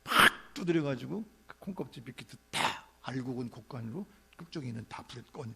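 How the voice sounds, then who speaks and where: A middle-aged man preaching a sermon as pastor, animated, shouting out quoted rebukes now and then. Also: medium pitch, brisk, gravelly, husky.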